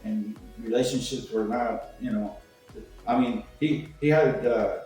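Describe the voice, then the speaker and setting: He's an older Cuban man with a mid-range, slightly mellow voice, talking a little slowly. His casual anecdotes ramble and turn salty as he performs what others said. Echo, a distant microphone, and faint music color the clip.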